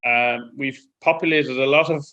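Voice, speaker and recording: A man with an Irish accent, from Ireland, talking in a relaxed, chatty way as a guest on a remote interview from his home. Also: medium pitch, moderate pace, highs cut off. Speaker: guest singer. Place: home in Florida.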